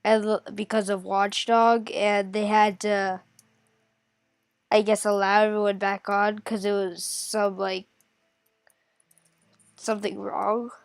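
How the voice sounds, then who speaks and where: A woman's voice: medium pitch, level tone, smooth, dry recording. A woman with a stuffy nose from a cold, thinking aloud and correcting herself as she walks through a casual game tutorial. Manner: thinks aloud, hesitant, many pauses and self-corrections. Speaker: gaming tutorial creator. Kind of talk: casual screen-recorded game walkthrough.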